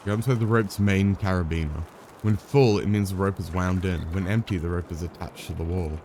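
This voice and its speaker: A man's voice: low-pitched, fairly even intonation, brisk, a little mellow, slight background noise. A young man live-streaming a game, chatting casually in a rambling way, swearing freely, with wry asides to his viewers.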